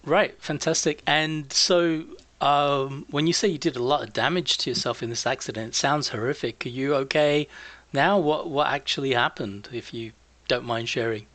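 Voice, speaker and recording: A man's voice: medium pitch, normal speed, a bit bright, dry recording. A man hosting a casual podcast, chatty and encouraging as he puts questions to his guests. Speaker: podcast host. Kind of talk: casual interviewing.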